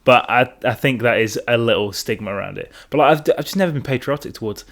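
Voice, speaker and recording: A man's voice: medium pitch, fast talker, vocal fry, fairly bright tone. A young man, hosting a casual chat podcast and talking in a loose, profane, filler-heavy drawl. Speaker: podcast host.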